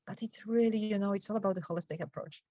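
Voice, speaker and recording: Here the same kind of guest, a travel wellness coach from Poland, middle-aged with a Polish accent, talks fast in a mellow mid-range voice with no room sound. The casual interview is captured in dull, dry lo-fi audio, and she chats through her story with frequent laughter and tag questions like "right?".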